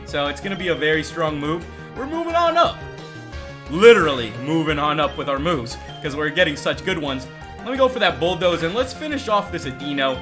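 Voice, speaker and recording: A young man from El Salvador giving upbeat, chatty gameplay commentary, talking straight to his viewers. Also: high voice. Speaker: let's play host. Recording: music playing behind the voice.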